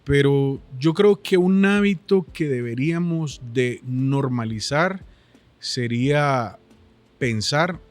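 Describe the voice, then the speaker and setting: Honduran man guest, earnest and reflective, middle-of-the-road pitch. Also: slow. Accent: Honduran Spanish. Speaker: podcast guest. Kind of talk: reflective conversational chat.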